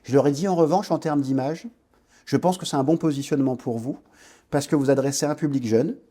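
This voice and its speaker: This brisk, mid-range, dark-toned voice belongs to a Guianese entrepreneur in his forties. Interviewed for a podcast, he looks back on his working life, stumbling and restarting his sentences frequently.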